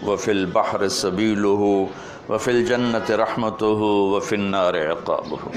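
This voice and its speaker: A man voicing a dead female lizard that speaks devoutly, reciting slowly and solemnly. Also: lowish voice, fairly even intonation, close to an everyday voice. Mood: reverent.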